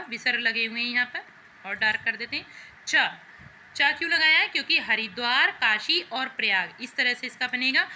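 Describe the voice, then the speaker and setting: A woman's voice: on the high side, sharp tone, a little hiss or hum, poor audio. A woman teacher working patiently through Sanskrit exercises, often asking questions back to her students. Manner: patient, repeats and asks questions to the class. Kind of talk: explaining worksheet answers to students.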